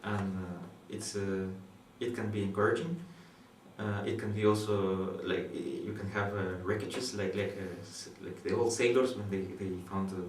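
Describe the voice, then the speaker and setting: In an interview, a young Guatemalan PhD student in astronomy explains his research in halting second-language English, thoughtful but full of pauses, fillers, and restarts. His voice is fairly low with fairly even intonation. The mic sits at a distance in a roomy space, with faint background noise.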